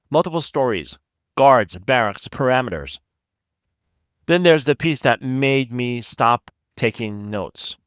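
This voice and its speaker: Man, podcast host, scripted investigative narration, deliberate emphasis, mid-pitched voice, dry studio sound. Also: fairly bright tone, no room sound. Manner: measured, reflective, deliberate emphasis.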